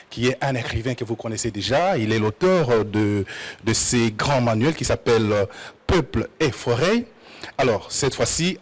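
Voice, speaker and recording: A man hosting a television studio interview, friendly and chatty, often stumbling over repeated words. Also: mid-range voice. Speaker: TV host.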